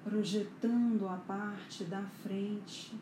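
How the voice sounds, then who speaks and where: A woman leads a guided meditation in a soothing, hushed spa manner, leaving long pauses between short phrases. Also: mid-range voice, fairly even intonation. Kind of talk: slow guided meditation narration. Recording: echoey room, faint background noise.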